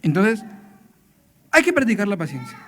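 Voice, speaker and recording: A man with a high-pitched voice preaches to families at church, chatty and direct, peppering his talk with quick tag questions. He acts out little scenes between parents and children. A long reverb trails behind his words in the hall. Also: huge pitch swings, fairly bright tone. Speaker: church speaker. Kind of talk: sermon.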